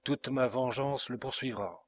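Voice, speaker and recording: A man voicing a desperate, impassioned nobleman count in an audiobook, pleading with slow, vehement delivery. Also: mid-range voice, close to an everyday voice. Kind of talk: audiobook character reading.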